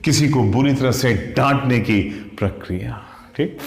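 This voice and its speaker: In a Hindi-English exam vocabulary lesson, a man with a gravelly, medium-pitched voice explains each word step by step at a measured pace, checking with "okay?" after nearly every phrase. He acts out sound words by mimicking shrieks and howls. The room echoes.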